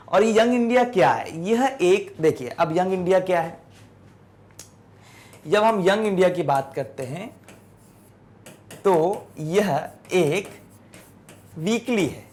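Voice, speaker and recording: Young male teacher, slow deliberate reading of English text, then explanation in Hindi, rhetorical question-and-answer. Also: fairly high pitch. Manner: asks and answers his own questions.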